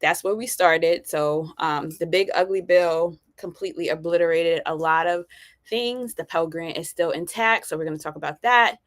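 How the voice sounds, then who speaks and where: A woman's voice: on the low side, normal speed, no room sound. A woman in her forties hosting a live college planning session, talking conversationally and often checking in with "right?". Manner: conversational, frequent "right?" tag questions; candid and personable, with fillers. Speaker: college planning advisor and host. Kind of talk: live-streamed informational talk.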